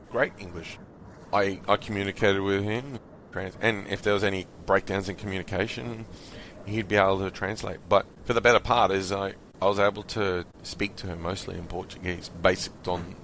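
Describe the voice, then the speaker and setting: A man's voice: low voice, vocal fry, noisy background. An Australian man hosting a podcast, talking loosely with restarts and casual swearing. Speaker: podcast host. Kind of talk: casual conversation.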